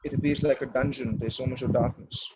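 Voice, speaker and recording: Halting man giving a devotional talk. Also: medium pitch, fairly even intonation, very noisy. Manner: halting, repeats words while searching for phrasing. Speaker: speaker at a temple class.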